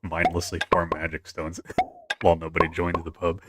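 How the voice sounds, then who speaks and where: A man's voice: low-pitched, completely flat delivery, normal speed, heavy background noise. A man streaming a game, laid-back and muttering to himself as he sets things up. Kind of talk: casual gaming stream chat.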